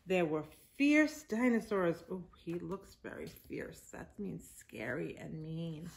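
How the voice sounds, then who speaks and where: At home in the living room, a teacher in her forties reads a picture book to young children in storytime style, using simple phrases, stressing key words and adding little asides to her listeners. Her lowish voice is sing-song and slow, with some vocal fry.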